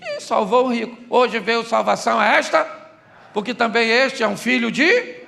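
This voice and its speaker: High, gravelly Brazilian pastor preaching. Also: male voice, moderate pace, bright, forceful tone. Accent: Brazilian Portuguese. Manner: joking, asks the crowd questions. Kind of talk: humorous sermon.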